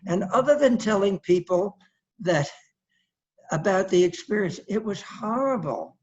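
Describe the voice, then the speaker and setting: A man's voice: sits high, animated, a little slow. A man in his eighties performing a solo storytelling monologue, chatty and anecdotal, acting out the people he quotes. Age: 80s. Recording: dull lo-fi streamed audio.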